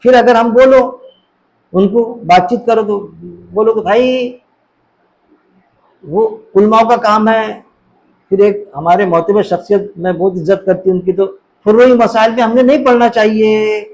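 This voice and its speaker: A man's voice: sits high, a little slow, darkish tone, poor audio. A middle-aged man giving an informal religious talk, full of rhetorical questions. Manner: conversational, rhetorical questions, mimics voices in anecdotes. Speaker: Islamic preacher.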